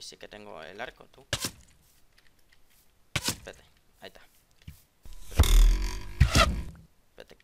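Male gamer commentator, mid-pitched gravelly voice, excitable trash talk, noisy desk-mic recording with an echoed doubled voice. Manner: excitable, jokey trash talk aimed at opponents. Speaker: gaming video creator. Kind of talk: live game commentary. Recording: loud background noise, keyboard clicks, doubled voice from an open call.

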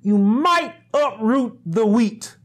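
A middle-aged man delivers a Sunday sermon from a pulpit in a small chapel, speaking into a lapel microphone. His voice sits notably high for a man. He climbs into shouted emphasis and leans on repetition to drive each point home. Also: animated, takes it slowly. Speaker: pastor. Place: small chapel room indoors, standing at a pulpit. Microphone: lapel mic.

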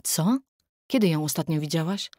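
A woman's voice: deep voice, expressive, normal speed, warm tone, no room sound, studio quality. A woman narrating an audiobook, voicing a worried, defensive young husband in clipped, urgent lines. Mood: wounded. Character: young adult man, anxious, defensive husband.

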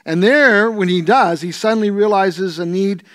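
A middle-aged man with a Canadian accent, a pastor teaching through a scripture passage, thoughtful and pausing over his words, seated in a church studio with a lapel mic. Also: high voice, a bit bright. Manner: thoughtful, searching for words with fillers and restarts.

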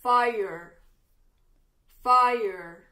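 A woman teacher with an American accent demonstrating English phrases slowly, repeating each one twice. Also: on the high side, sharp tone. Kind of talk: slow pronunciation demonstration. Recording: echoey room, voice far from the mic.

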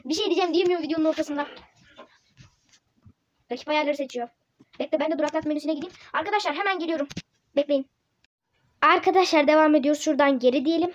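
A very high-pitched woman calls out a football video game as a YouTuber. She is loud, bossy and quick to shout the same words again and again. The recording is lo-fi and a bit dull, with faint noise behind her. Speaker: gameplay YouTuber. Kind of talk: excited football game commentary.

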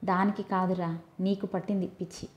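Brief: woman reader as a brisk bossy young woman, mellow voice, echoey room. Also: lowish voice, little pitch movement, natural voice. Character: young woman, bossy and caring best friend. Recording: roomy echo.

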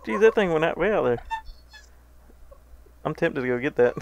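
A woman's voice: deep voice, expressive, moderate pace, lo-fi sound, background noise. A woman streaming an online game with a friend, laughing a lot and swearing freely in casual chat. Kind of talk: casual chat while gaming.

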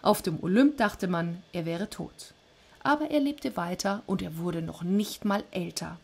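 A woman reading a Greek myth aloud as a storyteller, with lively, chatty asides between passages. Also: on the low side, a little slow, vocal fry, slightly rough.

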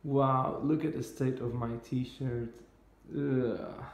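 A man's voice: mid-range voice, fairly even intonation, slow pace. A man in his thirties, a travel vlogger, talking casually to a phone held at arm's length outdoors, thinking aloud. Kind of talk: casual vlog talk to camera. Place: outdoors on rural roads and by a waterfall. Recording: loud traffic and outdoor noise.

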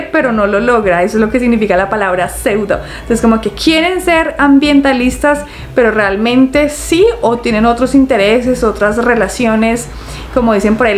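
A young Colombian woman with a Santander accent and a slightly high voice hosts a casual YouTube reaction video from her living room sofa. She talks in a chatty, animated way and laughs often.

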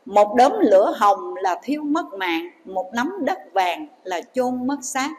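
Nun giving a sermon. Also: female voice, medium pitch, lively intonation, measured pace. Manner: storytelling, addressing audience directly. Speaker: Buddhist nun. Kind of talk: dharma talk sermon. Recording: long hall reverb.

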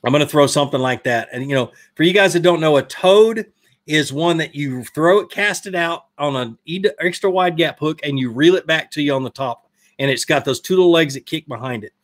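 This fishing live-stream host, a thirtysomething man from Georgia with a Southern accent, talks a little fast in a fairly high voice. Casually answering viewers, he rambles and keeps correcting himself at a desk mic in an indoor studio with a brick wall.

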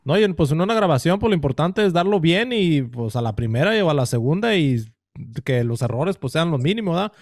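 A man hosting a podcast, asking relaxed, slangy questions ended with tag questions. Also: fairly high pitch, a little fast, dry recording, studio quality. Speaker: podcast host. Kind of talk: casual interview questions.

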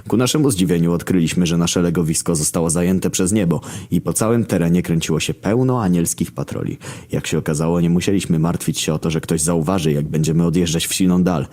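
A man narrating a first-person story in a deadpan, heavily profane manner. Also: sits low, fast, hardly any pauses.

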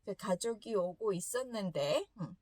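A woman hosting an English lesson, telling a story in a casual, animated way and laughing often between sentences. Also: medium pitch, moderate pace, no room sound. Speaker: English teacher and host.

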